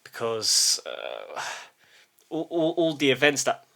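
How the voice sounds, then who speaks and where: Here the channel host's mid-range voice carries huge pitch swings and vocal fry as he reflects aloud. He stops and starts repeatedly, now and then softly asking "yes?" to keep the listener with him.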